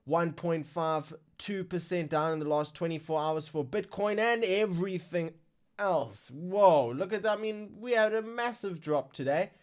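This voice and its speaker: Excitable male crypto stream host, hiccuping. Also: fairly high pitch, measured pace. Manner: excitable, exclaims over numbers. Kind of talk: casual live-stream news roundup.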